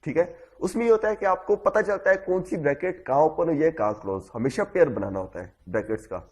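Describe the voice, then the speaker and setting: A man teaching a programming class explains code step by step in an animated voice on the high side. During this classroom coding lecture, he says "okay" after nearly every phrase, constantly repeating "theek hai".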